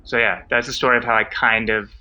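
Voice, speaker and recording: Bright-voiced man telling a rambling story. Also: mid-range voice, flat delivery, fast talker, lo-fi sound. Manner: loose and rambling, many fillers and asides. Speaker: storyteller at an online open mic. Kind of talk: casual storytelling. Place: home, online video call.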